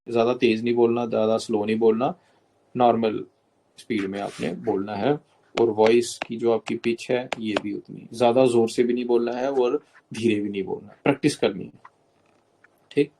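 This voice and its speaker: A man's voice: medium pitch, gravelly, mellow. Man coaching step by step. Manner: instructs step by step, often checks in with "okay?"; mixes English terms into Hindi. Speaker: interview coach. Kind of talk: coaching talk to students.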